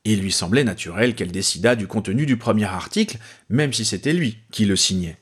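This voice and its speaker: Husky low male storyteller. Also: a little fast. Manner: lively storytelling, voices the characters. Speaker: reader. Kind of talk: reading fan fiction aloud.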